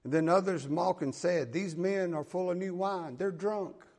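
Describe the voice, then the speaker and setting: The voice here is a man's, high-pitched and darkish in tone, moving at normal speed. He's a Southern-accented preacher from the American South, reading scripture aloud and explaining it in plain, folksy language.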